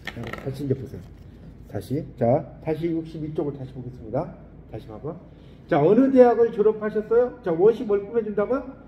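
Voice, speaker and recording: A man teaching an English lesson to students, explaining in Korean, reading English lines slowly and often checking that they follow. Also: a little high, slight background noise. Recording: echoey room, dull muffled sound.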